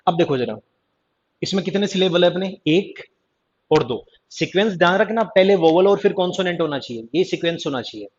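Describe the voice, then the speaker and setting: A man teaching English grammar in a live online class, chatty and teasing, repeating cues to pay attention. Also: fairly high pitch. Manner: teasing, chatty, keeps repeating "ध्यान देना" and "ठीक है जी". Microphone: online class stream mic. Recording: dull lo-fi stream audio.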